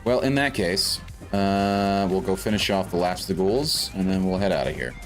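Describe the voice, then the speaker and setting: A man from South Africa talks in a low voice at normal speed while streaming a game. His commentary is chatty and wandering, full of thinking aloud, and faint game music can be heard behind it.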